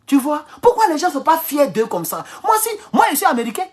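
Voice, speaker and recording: A man from Ivory Coast with an Ivorian French accent, giving an animated, casual political monologue at home, repeating phrases and chuckling often. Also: extremely high pitch, fast. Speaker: political commentator. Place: at home in his kitchen.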